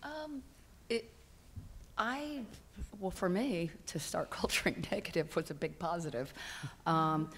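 On a conference hall stage panel, a middle-aged woman who is a patient and leads a support group speaks into a stand microphone. Her lowish, slightly bright voice comes a little slow over faint hiss or hum, earnest yet hesitant with frequent ums.

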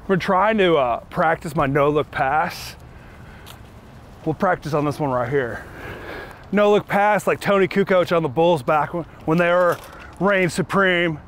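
A man playing Brody, goofy high-voiced dude. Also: unhurried, slight background noise, close to an everyday voice. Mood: goofy, upbeat. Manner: goofy, upbeat surfer-dude rambling. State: winded. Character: Brody, laid-back male cart-returning dude. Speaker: comedic character. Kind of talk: improvised comedy sketch. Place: outdoors in a parking lot.

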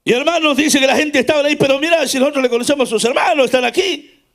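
High, gravelly shouting preacher. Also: male voice, quick pace. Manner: fervent, shouting in bursts, then dropping low. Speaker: pastor. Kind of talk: shouted Pentecostal sermon.

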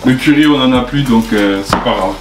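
A man's voice: mid-range voice, fairly quick. A man in his twenties chatting casually and giving cooking instructions to camera as co-host of a home video. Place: small tiled home kitchen, indoors. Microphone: camera at about arm's length or further. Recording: echoey kitchen, music and frying behind.

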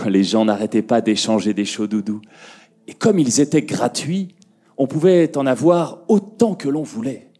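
A man telling a fairy tale to a conference audience, slow and expressive, dropping his voice and lifting it for effect. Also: medium pitch, breathy edge. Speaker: storyteller. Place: conference room.

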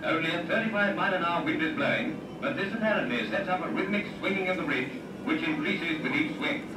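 High-voiced man narrating an old newsreel. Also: fairly quick. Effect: old newsreel soundtrack played back in a classroom. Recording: echoey, distant playback with loud music.

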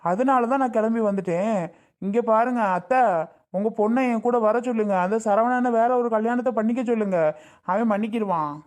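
A man's voice: very high voice, a little fast, a little mellow. A man voicing a jealous young ex-husband in a Tamil cartoon drama, insistent and self-justifying as he tries to win back his wife. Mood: pleading.

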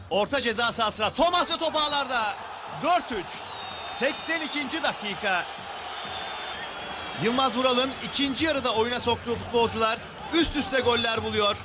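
A man doing match highlights commentary as a football commentator, excited and emphatic in a raised voice. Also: normal speed, long pauses, crowd noise. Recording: noisy 1990s TV sports broadcast audio.

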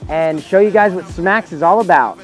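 This food vlogger is a man in his thirties with a high-pitched voice and a moderate pace. He chats eagerly about dishes and restaurants from city streets and restaurant patios while music plays behind him.

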